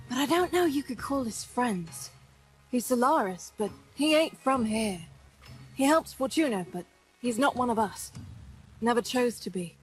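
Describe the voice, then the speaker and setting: A woman's voice: on the high side, close to an everyday voice, low-quality recording. An actress playing a tough, wisecracking woman squad leader in video game dialogue, brash and teasing with nicknames for everyone.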